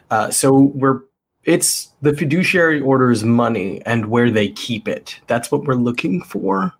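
A man's voice: medium pitch, gravelly, slightly rough. A man playing his character in a tabletop game, cocky and boastful. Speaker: player.

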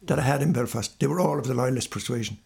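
A man's voice: mid-range voice, quick pace, creaky, darkish tone, breathy edge. An older man from Galway with a west of Ireland accent tells rambling conversational anecdotes in an interview, often quoting what people said to him. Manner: rambling anecdotes with reported dialogue. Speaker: singer and musician being interviewed.

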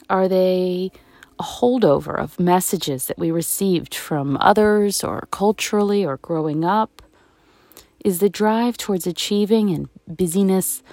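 Soft, slow woman guiding a meditation. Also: lowish voice, no echo. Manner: soft, soothing, unhurried delivery. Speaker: guided meditation host. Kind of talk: guided meditation, reflective talk.

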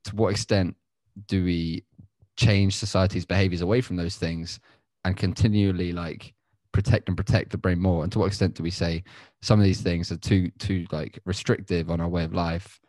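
A man's voice: low voice, fairly even intonation, moderate pace, a little mellow, no room sound. A man co-hosting a casual group podcast, explaining a point at length with many fillers. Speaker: podcast co-host.

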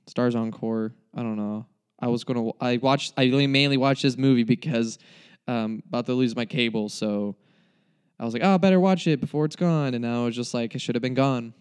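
A man's voice: medium pitch, little pitch movement, moderate pace, smooth. Rambling, mock-dramatic young man reviewing a film. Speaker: movie reviewer. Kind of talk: casual spoken movie review.

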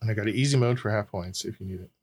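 A man's voice: fairly low pitch, very fast. A man hosting a casual quiz podcast, reading questions to friends and often breaking into laughter. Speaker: quiz host.

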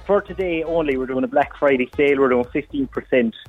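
A man's voice: mid-range voice, quick pace. A man with a west of Ireland accent chatting casually as a business owner and guest on a radio phone call, often repeating short phrases. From County Mayo, Ireland. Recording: phone call over music.

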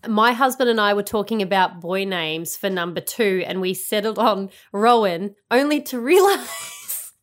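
A woman's voice: medium pitch, a little slow, hardly any pauses. Chatty mum in her thirties. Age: 30s. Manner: chatty, laughs often, rambling anecdotes. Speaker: podcast co-host. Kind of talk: casual chat.

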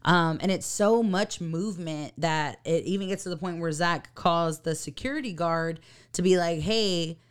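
A chatty woman co-host talking through a TV episode in a relaxed, casual way. Her voice sits a little low, and she speaks with lively swings and easy laughs. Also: moderate pace, clear, resonant tone. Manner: chatty and animated, fillers and laughs. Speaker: podcast co-host. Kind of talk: casual chat reviewing a TV episode.

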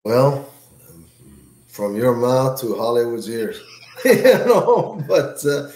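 A man, an author, chatting casually in an interview, relaxed and full of fillers and repeated words. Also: medium pitch, slow pace, echoey room. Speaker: author guest.

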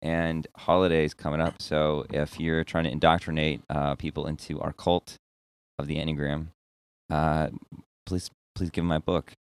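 A man's voice: rumbling low, level tone, normal speed, clear, resonant tone. A man hosting a casual podcast discussion, rambling and searching for words with frequent restarts. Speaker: podcast host.

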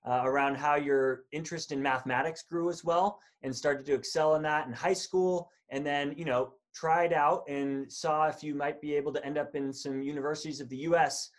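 A man's voice: fairly high pitch, steady tone, normal speed, hardly any pauses. A man hosting an interview podcast, reading a friendly scripted intro before chatting with his guest on a video call. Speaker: podcast host.

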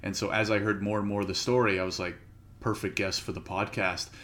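A man hosting a podcast, asking relaxed open questions in a conversational way. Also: lowish voice, fairly quick. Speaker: podcast host. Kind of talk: casual podcast interview.

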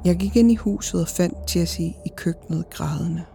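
A woman hosting a podcast, reading a horror story in a measured, even storytelling manner. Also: on the low side, a little hiss or hum. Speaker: podcast host and narrator. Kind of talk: scripted horror story narration.

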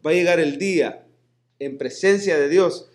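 Emphatic preacher man, loud then hushed. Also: on the high side, moderate pace. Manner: swings between loud emphatic declaring and hushed soft passages; calls the congregation to repeat words aloud. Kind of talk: sermon.

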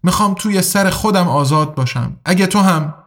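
A man's voice: sits high, fairly bright tone, voice pushed up. A man reading a story aloud, voicing an anxious young woman who speaks in an earnest, pleading way.

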